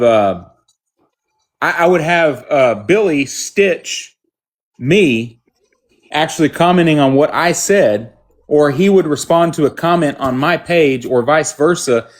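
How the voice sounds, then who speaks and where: A man from Texas with a mild Texan accent, hosting a casual group chat and telling rambling stories. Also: fairly high pitch. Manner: rambling, storytelling with restarts.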